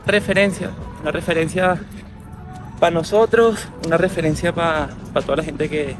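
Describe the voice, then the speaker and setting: Triathlete guy from caracas, stops and restarts a lot, music under him. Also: a little high. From Caracas, Venezuela. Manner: halting, repeats himself. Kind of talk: casual chat. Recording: music behind.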